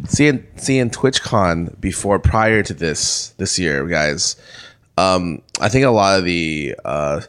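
A man's voice: sits low, expressive, slow pace, a bit bright, clear, resonant tone. A tired man who slept little, a guest chatting and rambling with laughs on a live podcast. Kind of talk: casual live podcast chat.

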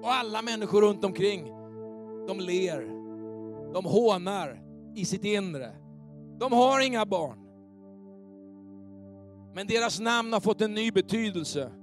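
A male pastor preaching an animated sermon in a church, often checking if the congregation is with him. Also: high voice, pauses often, music in the background. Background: soft keyboard pads.

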